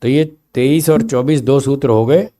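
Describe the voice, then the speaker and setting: A man teaching a philosophy class, explaining meaning through slow spoken examples and often checking that his listeners follow. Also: medium pitch, mellow. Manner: stresses single words to show meaning.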